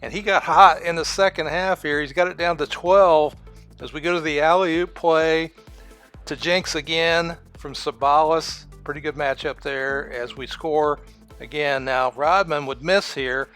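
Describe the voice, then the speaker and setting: A man giving casual, excited play-by-play commentary on a basketball video game, laughing often and sometimes losing track of the score. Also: a little high, unhurried, soft background music. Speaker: gaming commentator.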